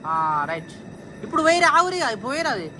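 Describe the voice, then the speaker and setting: A man's voice: very high-pitched, very animated. A man talking casually while working at home in a village and telling others what to do. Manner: directing others, brisk. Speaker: vlogger. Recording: loud background noise.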